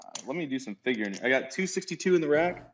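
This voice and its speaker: A man chatting casually as he plays a dice game, calling his bets in a halting, think-aloud way. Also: a little high, animated. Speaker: craps player calling bets. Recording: noisy room with clicking.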